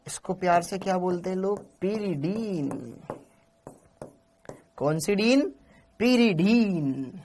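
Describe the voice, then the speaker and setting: A man's voice: sits high, a little fast, hardly any pauses, a little mellow, a little hiss or hum. Playful, teasing male chemistry teacher. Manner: playful and teasing, chats with students by name; mixes in English words and playful lines of verse. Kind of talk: live online class.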